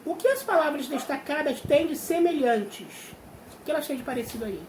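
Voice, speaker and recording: A woman primary school teacher with a Brazilian Portuguese accent, explaining a worksheet patiently and drawing out words slowly to show their syllables. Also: high-pitched, lively intonation. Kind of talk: remote class explanation. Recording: echoey room with faint hiss.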